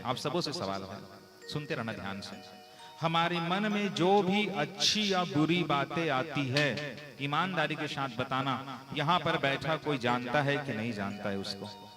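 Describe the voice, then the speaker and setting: A man's voice: a little high, expressive, a little slow, music in the background. A man with a Chhattisgarhi Hindi accent preaching a devotional sermon at a live village gathering, earnest and emphatic, throwing rhetorical questions to his listeners. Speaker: Bhagavat katha preacher.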